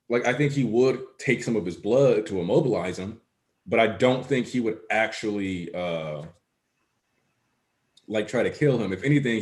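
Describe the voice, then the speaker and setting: A man co-hosting a casual chat, talking in a rambling way with many fillers. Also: fairly low pitch. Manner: rambling, many likes and ums. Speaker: podcast co-host.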